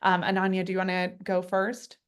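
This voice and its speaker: A woman's voice: on the low side, monotone, brisk, clear, resonant tone. A woman on staff hosting a webinar on a video call, moderating and introducing guests in an upbeat, friendly way. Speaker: fellowship staff host.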